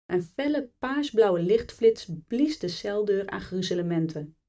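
A woman reading a chapter of a fantasy book aloud as a bedtime story, in a calm and measured way. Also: medium pitch, distant mic. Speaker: audiobook reader.

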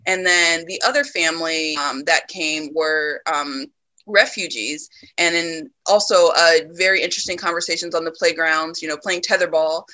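A woman from the United States talking reflectively in a casual conversation, often pausing with ums and laughing. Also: low-pitched, fairly even intonation, bright, forceful tone, rough recording.

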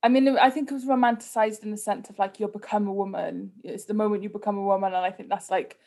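A woman's voice: mid-range voice, steady tone, fast talker, vocal fry, darkish tone. A woman from Cardiff with a Cardiff Welsh accent, chatting casually and candidly as a podcast guest, often dropping in "like". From Cardiff, Wales. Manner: candid, conversational, heavy use of "like". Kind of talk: casual personal interview chat.

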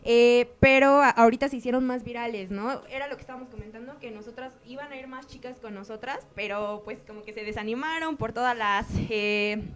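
A young woman with a Mexican accent and a somewhat high voice muses aloud in a casual panel chat. She speaks hesitantly and often trails off. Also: a little fast, hardly any pauses. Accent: Mexican Spanish. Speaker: student co-host.

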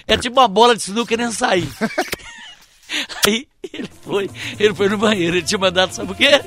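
A man, co-hosting a casual chat and telling stories in an animated way, laughing as he acts out the people in them. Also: sits high, fairly quick, a little hiss or hum. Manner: animated, laughs through his stories, acts out quoted voices.

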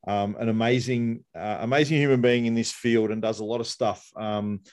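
Casting: Australian male podcast host, casual and friendly in tone, mid-pitched. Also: steady tone, normal speed, darkish tone. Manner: chatty, uses 'mate'.

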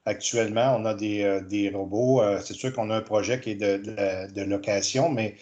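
A man, a panelist speaking in a measured way, repeating words while he thinks. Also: lowish voice, steady tone, darkish tone. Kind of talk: round-table discussion.

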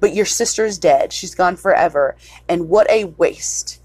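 A woman's voice: on the low side, moderate pace, darkish tone, husky, dry recording, poor audio. A woman reciting the lines of a bitter grieving mother reproaching her teenage son in a resentful monologue.

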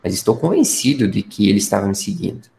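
A man's voice: lowish voice, sing-song, fast talker, gravelly, mellow. A man playing a detective's earnest, impressionable companion in a radio drama, recounting findings expressively. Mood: intent, convinced.

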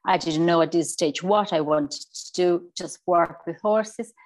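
A woman's voice: fairly low pitch, measured pace, a little mellow. A woman in her forties from Spain with a Spanish accent, a riding coach chatting in an interview, often repeating words as she restarts. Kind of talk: casual interview.

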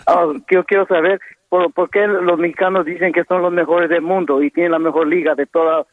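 A man's voice: fairly high pitch, level tone, brisk, no echo. A man calling in over the phone and asking the hosts provocative questions. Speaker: caller. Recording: tinny phone line.

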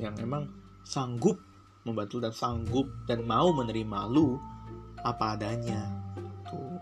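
A man hosting a casual podcast talks in an earnest, slangy way, dropping English phrases into his speech. His pitch is ordinary and mid-range, and plucked guitar music is clearly audible behind him.

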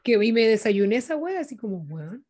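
Young Chilean woman co-host, easygoing and slangy, slightly high register. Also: lively intonation, quick pace, darkish tone, dry recording, soft background music. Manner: slangy, agreeable, backs up her co-host. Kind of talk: casual chat.

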